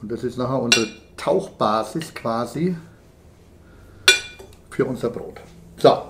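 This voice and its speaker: A man's voice: mid-range voice, takes it slowly, heavy background noise. Man, home-kitchen cooking demo, chatty instructive delivery, echoey room with clattering pans. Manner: chatty, instructive, addresses viewers directly. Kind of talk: casual cooking demonstration. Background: clattering dishes, pans and cutlery.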